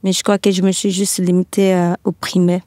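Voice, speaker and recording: A woman's voice: lowish voice, level tone, a little fast, mellow, no echo, studio quality. An eighteen-year-old woman from the Ivory Coast answering interview questions hesitantly, with many fillers and repeated words. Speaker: podcast guest.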